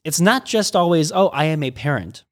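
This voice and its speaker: Here a pastor in middle age speaks on the high side and with animation, working through ideas in a relaxed teaching chat. His delivery is halting and full of restarts and stammers, captured dry in a clean studio.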